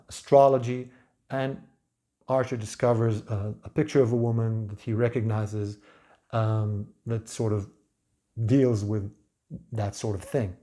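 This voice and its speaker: A man talking through a book review without a script, in a measured, hesitant way with pauses mid-phrase. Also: mid-range voice, dark tone. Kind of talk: unscripted book review talk.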